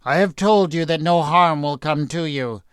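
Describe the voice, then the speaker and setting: A man voicing a commanding king, speaking low, firm and measured. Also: a little hiss or hum, lightly acted. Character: commanding middle-aged king, weary and firm.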